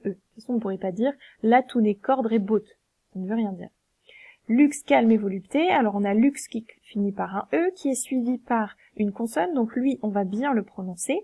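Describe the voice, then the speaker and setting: Woman teacher, recorded lesson, patient, hesitant, a bit high and warm. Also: creaky, husky, no room sound. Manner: patient, explains step by step with many hesitations. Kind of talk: recorded lesson correcting a versification exercise.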